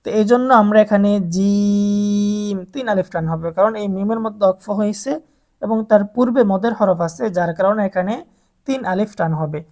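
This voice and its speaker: A woman's voice: medium pitch, fast, darkish tone. A woman teaching Quran reading to adult beginners, drawing out each letter sound patiently and coaching listeners to repeat after her. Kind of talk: slow step-by-step recitation lesson.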